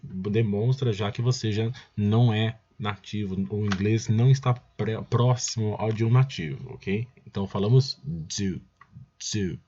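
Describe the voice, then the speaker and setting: Male English teacher, Brazilian accent, low husky voice, patient repeat-after-me drilling. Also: measured pace, dark tone, muffled recording. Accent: Brazilian Portuguese. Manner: drills phrases by repeating them, often addresses "students". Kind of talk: recorded language lesson.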